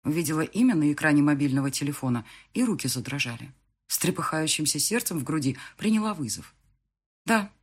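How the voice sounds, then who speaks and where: A woman reading a first-person audiobook with an expressive, emotional delivery and a husky voice. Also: low-pitched, fast. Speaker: audiobook narrator.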